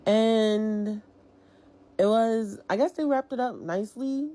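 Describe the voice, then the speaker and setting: A woman's voice: on the high side, takes it slowly, mellow. A woman giving a casual, rambling review of a series episode, full of fillers, repeated phrases and slang. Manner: slangy and emphatic.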